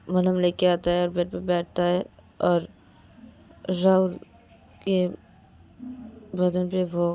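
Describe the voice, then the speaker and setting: A woman narrating a love story in a plain, steady storytelling voice, describing scene after scene. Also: lowish voice.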